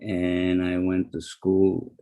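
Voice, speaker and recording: A man's voice: deep voice, completely flat delivery, takes it slowly, creaky, dark tone. An older man from Lebanon, a guest psychologist telling his story unhurriedly, with fillers and restarts. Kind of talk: interview storytelling.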